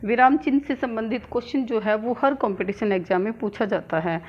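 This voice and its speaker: Slow, repeating woman teaching grammar. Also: a little high, breathy edge. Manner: slow, repeats key words, many "uh" fillers. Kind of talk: classroom grammar lesson. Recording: dull lo-fi sound with faint noise.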